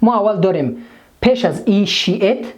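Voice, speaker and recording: A woman teaching English grammar, explaining slowly and repeating each rule in two languages. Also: medium pitch, animated, darkish tone. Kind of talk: grammar lesson mixing English and Dari.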